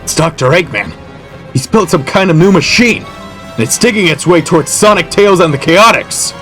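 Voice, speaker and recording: A man's voice: a little high, animated, moderate pace, a bit bright, soft background music. A man voicing a proud, hot-headed cartoon echidna brawler with blustering, scornful tough-guy talk in an audio drama. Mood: alarmed. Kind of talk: animated audio drama acting.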